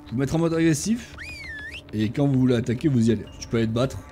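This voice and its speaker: A man giving casual gameplay commentary, talking to his tamed animals and bursting into excited shouts during fights. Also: medium pitch, fast, soft background music. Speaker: gaming YouTuber.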